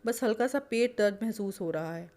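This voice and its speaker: A woman doing a calm young husband. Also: medium pitch, moderate pace, natural voice. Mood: reassuring. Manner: reassuring, gentle. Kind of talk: storybook character voice.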